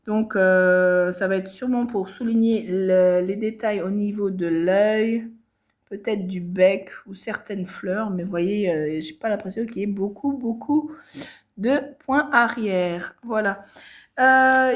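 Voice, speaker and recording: A woman's voice: mid-range voice, unhurried. A woman chatting casually to her viewers about her stitching projects, with many hesitations and self-corrections. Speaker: cross-stitch vlogger. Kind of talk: casual show-and-tell chat.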